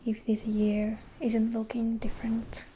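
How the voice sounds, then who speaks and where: A woman whispers a soothing ASMR pep talk in a very mellow, breathy hush. Her delivery is slow and barely varies in pitch, with gentle pauses and a reassuring manner throughout. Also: completely flat delivery, slight background noise. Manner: hushed, breathy whispering and soft-spoken. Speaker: ASMR host.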